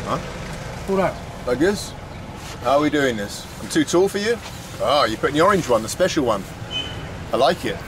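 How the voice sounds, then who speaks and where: Holding an action camera at arm's length, a man in his forties narrates a casual travel vlog, bantering in simple English with locals and viewers. His medium-pitched voice swings widely in pitch at a moderate pace with long pauses, moving from an open-sided roadside barber hut to a sunny outdoor street amid street noise.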